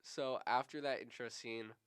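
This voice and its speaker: A man's voice: mid-range voice, fairly even intonation, measured pace, fairly bright tone, clear, resonant tone. A man in his twenties co-hosting a podcast, chatting casually in a rambling, laid-back way. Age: 20s. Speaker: podcast co-host. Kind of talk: casual chat.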